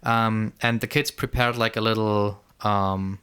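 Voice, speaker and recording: A man's voice: on the low side, steady tone, unhurried, a bit bright, smooth. A man co-hosting a casual podcast, rambling and repeating words as he thinks aloud. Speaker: podcast co-host. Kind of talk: casual conversational podcast chat.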